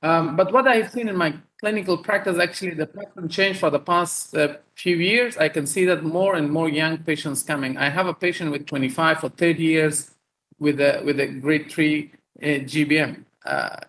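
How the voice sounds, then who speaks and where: Halting Afghan-born male surgeon, fairly high voice. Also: a bit bright, poor audio. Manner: halting, many fillers and repeated words. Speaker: neurosurgeon and professor presenting. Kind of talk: conference talk over video call.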